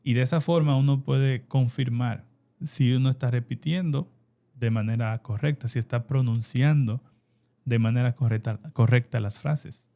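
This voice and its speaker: A man with a Dominican Spanish accent co-hosts a podcast about learning English. His voice is warm and dark at a middle pitch. He agrees briefly, then builds on the point. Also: normal speed, vocal fry. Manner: agreeable, adds points after brief affirmations. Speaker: co-host. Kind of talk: explaining in an educational podcast.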